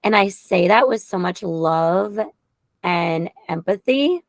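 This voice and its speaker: A woman hosting a podcast speaks openly and with emphasis. Her voice sits slightly low. The sound is dry and close to the mic. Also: animated, slow pace, no echo. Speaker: podcast host. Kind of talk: heartfelt conversational interview.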